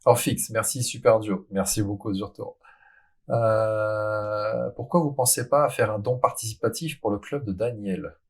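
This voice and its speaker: A man's voice: on the low side, fairly even intonation, a little slow, creaky, slightly rough. A man hosting a casual live stream, chatting with a guest, reading out viewer questions and laughing often. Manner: laughs often, reads chat questions aloud. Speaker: host.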